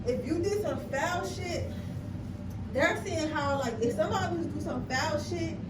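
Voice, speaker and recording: A woman does a casual tarot reading, chatty and blunt, swearing freely and checking in with viewers, her nose slightly stuffy. Her voice sits high at a moderate pace. The mic is distant and the background noisy.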